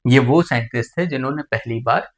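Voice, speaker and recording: A man's voice: medium pitch, a little fast. A man teaching biology in a lecture, often calling students "beta" and asking questions, then answering them himself. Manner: addresses students as "beta", asks and answers his own questions. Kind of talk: classroom lecture.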